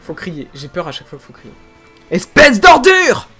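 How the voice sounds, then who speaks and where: Un jeune homme youtubeur, bavard et autodérisoire, qui explique son doublage amateur au micro de bureau, chez lui le soir. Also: male voice, fairly high pitch, fast, faint music behind. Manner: chatty, self-deprecating, excited. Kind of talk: casual amateur dubbing vlog. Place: room at home, late at night. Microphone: desk microphone.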